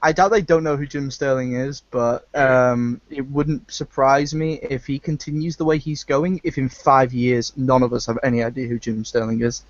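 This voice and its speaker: A man's voice: medium pitch, fairly even intonation, normal speed, hardly any pauses, dull audio. A man hosting a podcast in loose, casual chat, swearing freely now and then. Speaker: podcast host.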